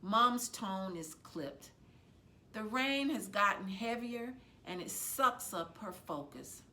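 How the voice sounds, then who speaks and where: A woman with a mid-range voice reads a children's novel aloud like a librarian. Her storytelling is expressive and dramatic, with deliberate phrasing.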